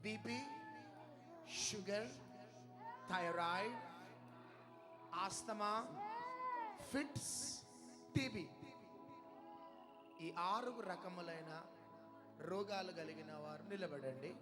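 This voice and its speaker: High-voiced man preaching over loud music. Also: slow, long pauses. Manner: repeats sharp commands and questions, bursts into shouts. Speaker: preacher leading a deliverance prayer. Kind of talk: charismatic deliverance sermon.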